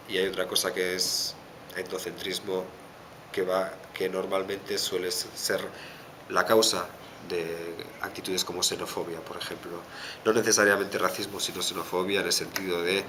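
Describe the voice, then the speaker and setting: A man from the Basque Country with a Basque Spanish accent, answering interview questions thoughtfully with many pauses and fillers. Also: sits low. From Basque Country, Spain. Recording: background noise.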